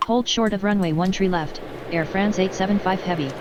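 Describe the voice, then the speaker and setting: A woman's voice: medium pitch, brisk, lo-fi sound. Woman acting airline pilot over noisy headset radio. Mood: composed, procedural. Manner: formal, procedural. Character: female airline pilot, composed and formal. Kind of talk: clipped radio phraseology readbacks.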